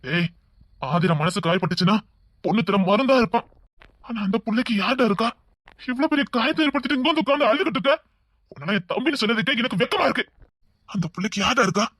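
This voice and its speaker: A man acts out a stern elder brother from a village family drama, scolding his younger sibling and then pleading with him, with a Tirunelveli Tamil accent. The voice sits high and bright, and the sound is dry and close. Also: fast, long pauses, no echo.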